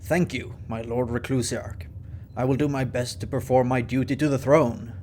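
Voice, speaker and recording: A man's voice: mid-range voice, steady tone, moderate pace, darkish tone, slight background noise, lightly acted. A man voicing an earnest, dutiful young initiate warrior who replies formally. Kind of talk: audiobook-style story narration.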